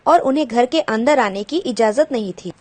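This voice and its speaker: High-voiced woman teacher explaining a lesson. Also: lively intonation, normal speed, a little mellow. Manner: patient explaining, glosses English words, asks pupils questions. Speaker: school teacher. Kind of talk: explaining a textbook chapter to children.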